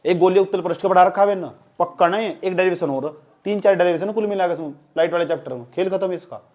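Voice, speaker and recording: High-voiced male teacher lecturing a class, playful, keeps asking if it's clear. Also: fast talker, a little mellow. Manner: joking, repeatedly checks students understand. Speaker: physics teacher.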